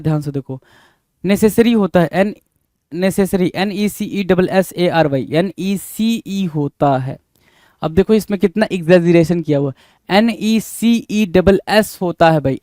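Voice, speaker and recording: A man with a Hindi accent runs a spelling lesson. He spells each word out letter by letter and repeats it over and over. His voice sits a little high and sounds dry and close to the mic, with no room echo. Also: dark tone. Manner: spells words letter by letter, repeats words, says 'bhai' often. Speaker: English teacher. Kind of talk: spelling lesson, explaining answers.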